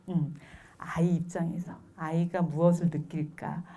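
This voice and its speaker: A woman parenting educator giving a lecture and asking her listeners questions as she goes. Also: fairly low pitch. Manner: asks the audience questions, lively and expressive.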